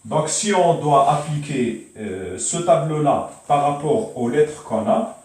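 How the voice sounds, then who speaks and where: A man's voice: fairly high pitch, animated, takes it slowly, a little mellow. A man teaching a beginners' Arabic lesson, explaining patiently and repeating himself with many hesitations. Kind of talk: beginner language lesson at a whiteboard. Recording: very echoey room, mic far off.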